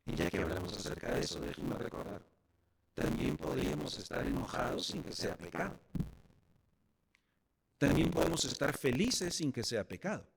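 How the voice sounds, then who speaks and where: A man's voice: fairly high pitch, very animated, moderate pace, creaky, long pauses, slight background noise. A man preaching a sermon as pastor, speaking directly to the congregation.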